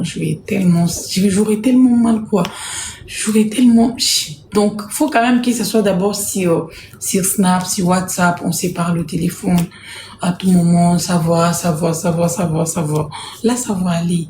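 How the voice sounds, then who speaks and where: A woman from Congo hosting a casual live stream to sell jerseys, speaking softly and repeating herself. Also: fairly low pitch, echoey room, slight background noise. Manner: soft-spoken, repeats herself. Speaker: livestream host selling jerseys. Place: home room, indoors.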